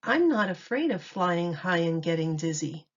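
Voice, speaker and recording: A woman's voice: on the low side, big pitch swings, normal speed, breathy edge. A woman voicing a timid, polite young boy turtle in a children's storybook, speaking earnestly. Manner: polite, pleading. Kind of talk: children's storybook read-aloud. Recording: dull lo-fi recording.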